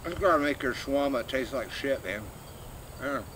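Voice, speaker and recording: A middle-aged man chats casually and haltingly while chewing his food, rambling with trailing pauses as he eats outdoors. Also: mid-range voice. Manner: chewing and eating while talking. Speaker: vlogger. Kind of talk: casual mukbang chat addressed to one person. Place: outdoors in a shady grassy backyard. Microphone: camera a few metres away. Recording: outdoor background noise, insects, distant vehicles.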